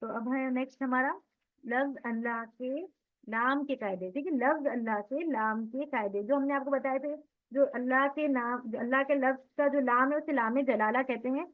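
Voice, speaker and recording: Female Quran recitation tutor, high-pitched, patient step-by-step explainer, recorded over a thin phone-like line. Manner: explains step by step, often checks with "theek hai"; recites Arabic words slowly and drawn out as examples. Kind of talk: online tajweed lesson. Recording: tinny phone-line sound.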